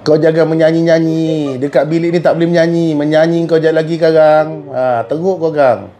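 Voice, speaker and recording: This is a middle-aged man with a Malaysian Malay accent, speaking as a traditional healer who addresses a spirit during a healing session. His voice sits high for a man, and he moves between scolding, reassuring and threatening. A faint ambient noise runs underneath. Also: fairly even intonation, a little fast, dark tone. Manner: scolding, coaxing and threatening in turn.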